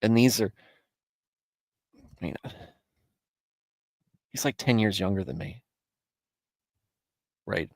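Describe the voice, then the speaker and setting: A man with a fairly low voice talks in a loose, rambling way, starting over mid-sentence and chuckling now and then. His thirties show in his tone as he answers viewers on a casual live stream. The sound is dry and close to the mic. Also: slow, long pauses, a little mellow, no echo. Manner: rambling, self-correcting, chuckles often. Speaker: streamer hosting a Bible show.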